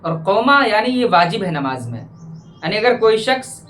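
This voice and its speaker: A man, a religious teacher, giving a measured lesson on prayer and slowly repeating phrases to correct pronunciation. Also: sits high, big pitch swings, fairly bright tone, slight background noise.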